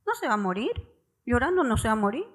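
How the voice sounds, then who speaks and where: A woman's voice: on the high side, very animated, quick pace, rough recording. A woman delivers a sermon at a church service. She addresses the parents directly, in an earnest, emphatic way, and leans hard on her key words. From Peru. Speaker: church preacher.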